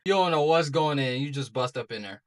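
A man's voice: mid-range voice, expressive, brisk. A young American man giving casual reaction commentary as a video host, close on a desk microphone. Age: young adult. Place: indoor home streaming setup. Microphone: close desk microphone with headset.

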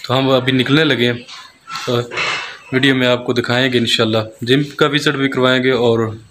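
A man in his thirties chatting casually to his phone held at arm's length, relaxed and hesitant, dropping in pious phrases. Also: mid-range voice, moderate pace. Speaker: vlogger. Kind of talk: casual vlog to camera. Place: outdoors at night by a house. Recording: phone recording with noisy street ambience.

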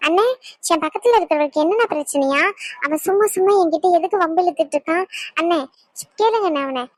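A woman's voice: very high-pitched, quick pace, no room sound. A woman voicing a chatty, boastful young woman who plays the little sister in a cartoon, teasing and gushing as she talks.

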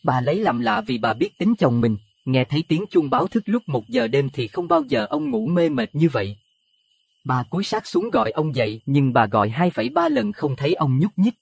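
Expressive male horror storyteller, husky voice. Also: fairly high pitch, normal speed, dry recording. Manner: expressive, rising to alarm at scary moments. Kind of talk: dramatic audio story narration.

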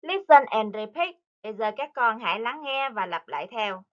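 A woman teaching English to young children, speaking slowly and carefully and repeating each word for them to copy. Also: on the high side, expressive, muffled recording. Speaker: primary school English teacher. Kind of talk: online lesson for young children.

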